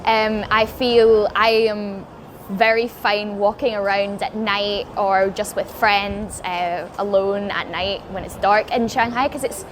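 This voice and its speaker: A woman's voice: medium pitch, steady tone, slow, slight background noise. A woman answering interview questions casually, hesitant and full of fillers. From Scotland.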